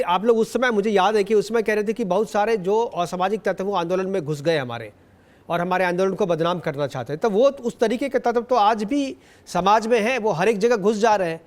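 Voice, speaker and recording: A man anchoring a televised panel debate, putting pointed questions to guests and cutting in often. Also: high voice. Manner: probing, interjecting.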